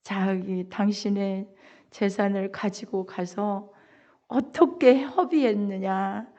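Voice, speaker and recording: A woman's voice: mid-range voice, slow pace, mellow, muffled recording. A middle-aged woman pastor preaching a sermon and acting out a father's words with feeling. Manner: acts out the father's words with emotion.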